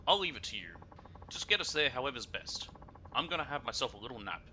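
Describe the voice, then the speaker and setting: A man's voice: medium pitch, big pitch swings, fast, sharp tone, a little hiss or hum, low-quality recording. A man voicing a brash, rude out-of-town woman taxi passenger in a video game, blunt and slangy. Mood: rude, irritated. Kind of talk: reading game dialogue aloud.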